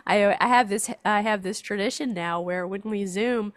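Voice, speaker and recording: A woman's voice: mid-range voice, moderate pace, no echo. An older woman, a writer and artist, chatting casually, laughing often and reading her own poem aloud. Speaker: writer and artist, show regular. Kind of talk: casual chat and poetry reading.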